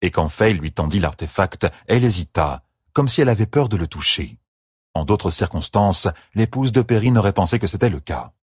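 Deep, husky male storyteller. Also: normal speed, no echo, clean studio sound. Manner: expressive storytelling reading. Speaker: audiobook narrator. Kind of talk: scripted narration.

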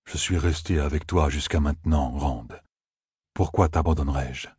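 A man doing a soft-spoken gentle giant. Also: extremely low pitch, normal speed, slightly rough, no room sound, clean studio sound, voice pushed down, heavily acted.

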